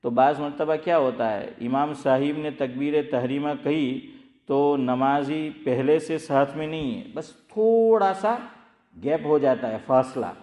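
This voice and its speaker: An Islamic scholar gives a conversational sermon, putting questions to his listeners and repeating his key points. His mid-range voice is steady and somewhat dark, and the room sounds echoey.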